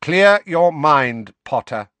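A man's voice: on the low side, wildly swooping pitch, slow, fairly bright tone, dry recording, exaggerated voice. A man voicing a cold, menacing male teacher who speaks in clipped, cutting phrases. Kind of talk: audiobook character voice.

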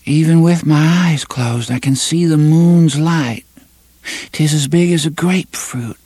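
A man voicing an entranced young woman in an audiobook, speaking in a faint, dreamy, slow way. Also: on the high side, creaky, warm tone, husky, no echo, pitched above the performer's own voice, exaggerated voice. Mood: dreaming.

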